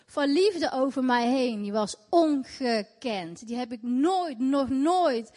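High-voiced woman giving emotional testimony. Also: expressive, takes it slowly, darkish tone. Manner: earnest, emotional storytelling with repeated phrases. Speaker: testimony speaker. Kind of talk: personal faith testimony. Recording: echoey hall with long reverb.

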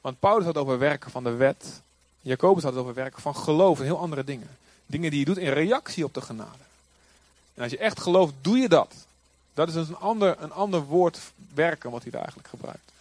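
A male pastor preaching a sermon with passion, rising now and then to loud cries. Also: on the high side, lively intonation, a little fast, dry recording.

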